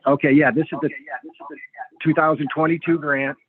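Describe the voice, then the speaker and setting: A man calling in to a public meeting as a county planner, giving a halting report full of fillers over a crackly phone line that fades in and out. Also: fairly high pitch, level tone, crowd noise. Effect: crackly phone line, fading in and out.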